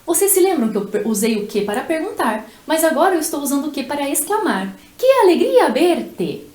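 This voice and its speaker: Lively, high-voiced woman teaching Spanish. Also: roomy sound. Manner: slow, carefully articulated model phrases with pauses. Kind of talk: language lesson with repeat-after-me drills.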